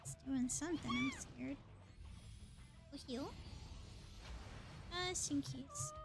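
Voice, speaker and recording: A woman livestreamer offers casual commentary while playing a video game, thinking aloud in short bursts. Her high voice swoops wildly in pitch, moves slowly and has vocal fry, with music playing behind her.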